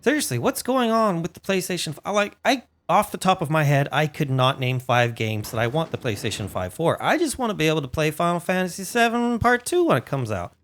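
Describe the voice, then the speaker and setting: Animated, higher-pitched man doing gameplay commentary. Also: a little fast, few pauses. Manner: playful, theatrical, talks to himself and audience. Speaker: gaming streamer.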